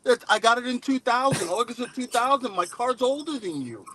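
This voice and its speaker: A man's voice: very high voice, animated, brisk, over a noisy crowd. A man joining a livestream as a guest, upbeat and joking in casual group chat.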